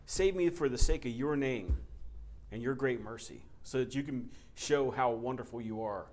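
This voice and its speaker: A plainspoken pastor talking to his congregation in an easygoing, candid way. He tells stories from his own life, then reads the old scripture with mounting force. His voice sits at an everyday middle pitch for a man. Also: moderate pace, darkish tone. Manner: candid, storytelling, reads scripture with rising emphasis. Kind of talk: conversational sermon.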